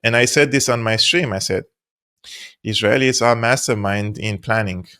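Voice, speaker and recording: A man's voice: lowish voice, moderate pace, sharp tone. A man from Syria, a guest analyst in an interview, explaining at length in an earnest, emphatic way and repeating points for stress. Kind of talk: interview answers.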